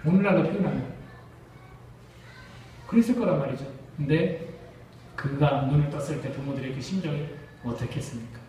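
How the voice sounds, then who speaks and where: A man's voice: fairly high pitch, normal speed, long pauses, warm tone, slight background noise. A Korean man preaching a sermon to his congregation, emphatic and full of rhetorical questions. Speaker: pastor. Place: church sanctuary. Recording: echoey church hall, distant mic.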